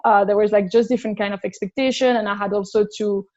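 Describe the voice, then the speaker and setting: A woman's voice: mid-range voice, steady tone, fast, a little mellow. A woman in her thirties with a French accent, chatting as a guest in a casual interview. She talks candidly, thinking aloud and restarting her sentences as she goes, with a mid-range voice. The audio is slightly dull and lo-fi.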